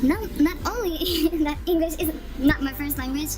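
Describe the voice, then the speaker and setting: Her voice sits high and moves at a normal speed as this vlogger from Russia rambles and giggles through a casual chat to camera. Russian is her first language, she has a Russian accent, and background music plays behind her.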